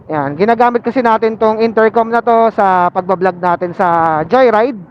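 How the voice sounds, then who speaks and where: Riding through city traffic, this Filipino man vlogs in a relaxed, filler-heavy way, switching into English phrases as he talks. His voice sits high and moves at normal speed. A Bluetooth helmet intercom feeding an action camera captures him with a muffled sound and faint road and vehicle noise.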